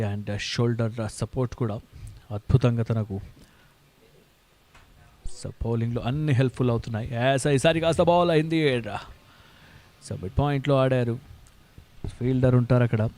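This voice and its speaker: Telugu man calling cricket, fairly even pitch. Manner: starts phrases with "So", repeats himself. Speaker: cricket commentator. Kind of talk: live ball-by-ball cricket commentary, Telugu mixed with English.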